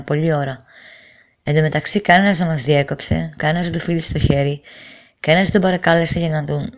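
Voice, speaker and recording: A middle-aged woman telling a personal testimony in an earnest, halting way, repeating phrases and restarting sentences. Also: low voice, creaky. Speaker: storyteller giving a personal testimony. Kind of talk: emotional first-person testimony.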